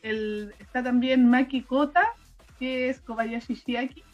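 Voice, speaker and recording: High-voiced Chilean woman chatting. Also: fairly even intonation, a little slow, muffled recording. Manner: chatty, hesitant, trailing restarts. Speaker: podcast co-host. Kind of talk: casual anime review chat.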